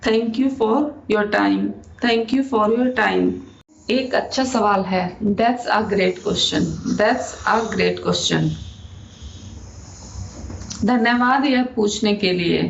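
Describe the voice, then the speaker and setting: A young woman teaching spoken English, repeating each sentence slowly and deliberately. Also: mid-range voice, gravelly, slight background noise. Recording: echoey room, dull lo-fi sound.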